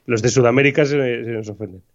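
A man co-hosts a podcast in a relaxed, joking way, full of fillers. His pitch is ordinary, and the recording sounds a little dull and lo-fi. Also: quick pace. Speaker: podcast co-host. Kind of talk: casual podcast chat.

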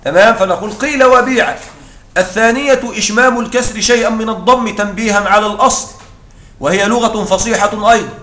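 A man teaching a grammar lesson, often checking that his students follow and reciting quoted lines slowly. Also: high voice, sharp tone, echoey room. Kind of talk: classroom lesson explaining a text.

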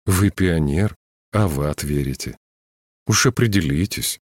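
A man reading an audiobook, voicing a calm, mild-mannered male teacher who turns out to be a killer, talking with curt, weary impatience. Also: low-pitched, unhurried, dry recording, studio quality.

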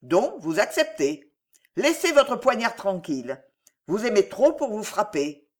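A reader plays a cold nobleman laying out a blackmail deal, grim and commanding. His delivery is measured, with lively rises and falls in pitch. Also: exaggerated voice. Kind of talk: audiobook character voice.

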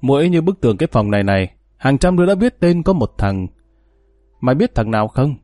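A man's voice: medium pitch, sing-song, brisk, mellow, no room sound, studio quality, faint music behind, natural voice. A man reading an audiobook, voicing a tough, menacing male gang leader who talks in harsh threats. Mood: calm, lecturing.

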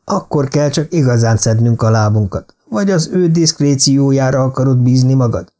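A man's voice: mid-range voice, warm tone, close to an everyday voice. A man voicing a tense middle-aged businessman, terse and calculating in an audiobook.

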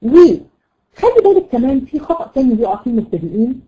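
A woman with an Egyptian accent teaching a Quran recitation lesson, explaining patiently, repeating words and checking understanding with quick questions. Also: sits high, very animated, warm tone, lo-fi sound. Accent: Egyptian Arabic. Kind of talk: classroom lesson.

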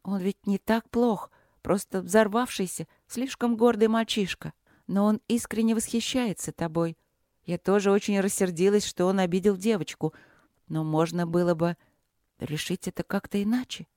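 A gentle young wife, as a woman reading aloud puts her on, a little higher than the reader's own voice. She speaks softly and cautiously. The sound is dry and close. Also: moderate pace, no room sound, close to an everyday voice. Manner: careful, soft, pleading. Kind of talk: audiobook character voice.

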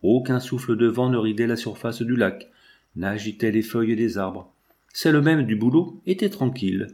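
A man narrates a classic novel aloud at a measured pace. His middle-pitched voice carries formal, literary sentences. The reading is steady and unhurried.

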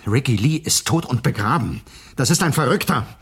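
An actor playing Clay Montague, an alarmed man in a radio crime drama, questioning tensely and shouting for his friend. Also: mid-range voice, expressive, normal speed, slightly rough.

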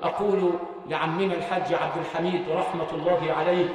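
A man with an Egyptian Arabic accent preaching a sermon. He repeats rhetorical questions, moves between quiet talk and shouting, and chants verses slowly. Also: fairly high pitch, fairly even intonation. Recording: very echoey hall.

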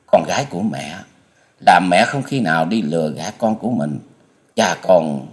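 A man's voice: sits low, animated, normal speed. A man voicing a middle-aged female sect master who sighs, pleads and turns stern with her daughter. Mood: tender.

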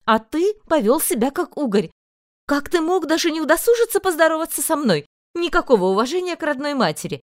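A woman voicing a grumpy, sly aristocratic mother who talks high, shrill and sharp-tongued. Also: big pitch swings, brisk, no room sound, studio quality. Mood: scolding.

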